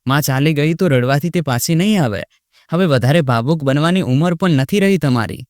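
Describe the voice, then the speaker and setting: A man's voice: a little high, lively intonation, moderate pace, no echo, studio quality, natural voice. A man voicing a callous grown son who talks in a cold, sarcastic tone.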